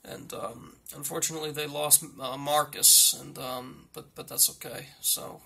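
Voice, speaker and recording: A man playing a blunt football coach at a mock press conference, rambling and repeating himself in halting answers. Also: a little high, steady tone, vocal fry, bright, forceful tone, husky, exaggerated voice. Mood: halting, resigned.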